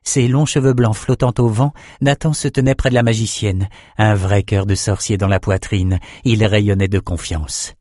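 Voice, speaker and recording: Low-voiced male audiobook narrator. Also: fairly even intonation, moderate pace, hardly any pauses, a little mellow, no echo, clean studio sound. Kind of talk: scripted narration.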